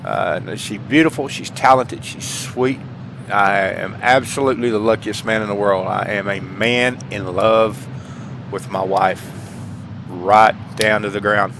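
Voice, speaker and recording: In his home, with paintings behind him, a man running a gaming channel talks casually to viewers in an earnest, heartfelt, folksy manner, repeating phrases for emphasis. His voice is fairly low with fairly even intonation and a measured pace, and background noise is clearly audible.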